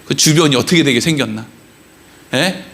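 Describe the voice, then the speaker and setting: A man pastor preaching a sermon in a church, animated and joking with the congregation, acting out quoted voices. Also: medium pitch, moderate pace. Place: church sanctuary.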